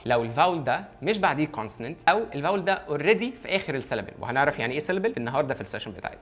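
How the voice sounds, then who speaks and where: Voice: medium pitch, fairly bright tone. An English teacher with an Egyptian Arabic accent giving an online lesson, explaining step by step and mixing in English terms.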